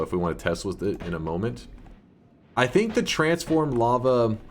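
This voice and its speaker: A man streaming live gameplay on a headset mic, thinking out loud and swearing casually. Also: deep voice, slight background noise.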